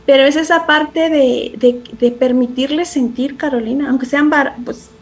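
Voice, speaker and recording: Guesting as a parenting expert on a podcast, a woman with a notably high voice speaks in a steady tone at a moderate pace. She sounds earnest and reflective, frequently restarting phrases and tacking questions onto the ends of her points.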